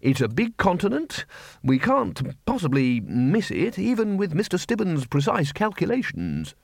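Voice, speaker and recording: A man voicing a large, hearty older male wizard chief who booms jovially and misses sarcasm. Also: wildly swooping pitch, unhurried, vocal fry, no echo, clean studio sound, heavily acted. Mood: breezy.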